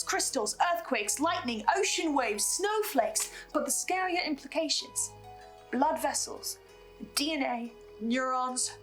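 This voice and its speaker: In a low-quality recording, a woman with a high, somewhat bright voice hosts a horror audio drama recap. She walks the listener through her theories in dramatic, emphatic commentary that's scripted but sprinkled with asides.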